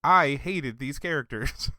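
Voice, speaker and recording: A man co-hosting a casual podcast, relaxed and laughing as he recaps. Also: fairly high pitch, slow pace, no room sound, clean studio sound. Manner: relaxed, hesitant fillers, laughs. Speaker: podcast co-host. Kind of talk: casual chat, recapping a film.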